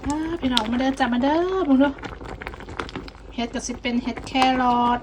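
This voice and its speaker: Woman, Isan Thai accent, chatty vlogger, hums while tasting, slightly high voice. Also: level tone, normal speed, noisy background. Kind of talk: casual vlog chat while eating.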